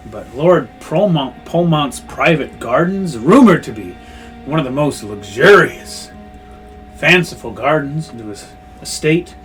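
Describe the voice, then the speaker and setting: A man voicing a courtly, sly dragon noble in a tabletop game, with slow, theatrical, drawn-out phrasing. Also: fairly high pitch, animated, a bit bright, faint music behind, low-quality recording. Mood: proud, savoring. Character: courtly, sly old dragon noble, savoring every word. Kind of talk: tabletop role-play.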